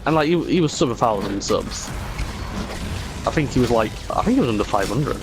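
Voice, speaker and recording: Male gamer, mid-pitched voice, loose sweary rambling with mocking impressions, clear music behind him. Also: expressive, a little fast. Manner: sweary, frequently mimics others mockingly. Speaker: video game streamer. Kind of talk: casual rambling chat while gaming.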